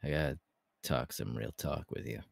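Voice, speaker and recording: Very deep, gravelly Hawks, romantic ASMR man acting. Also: sing-song, no echo, exaggerated voice. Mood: hesitant, earnest. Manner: intimate, halting, breathy laughs and sighs. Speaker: voice actor, ASMR artist. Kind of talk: romantic ASMR audio roleplay.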